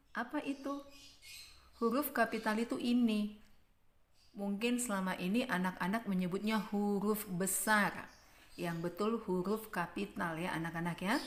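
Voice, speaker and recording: A woman teaching a primary school class in a recorded remote lesson, explaining slowly and repeating points for the children. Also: mid-range voice. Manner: slow, repetitive explanations addressed to children. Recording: echoey room.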